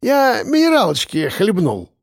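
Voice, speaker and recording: A man's voice: high-pitched, big pitch swings, unhurried, gravelly, a little mellow, dry recording, studio quality, pitched above the performer's own voice, exaggerated voice. A man voicing a tipsy, sly village hunter who talks in a slurred, wheedling drawl.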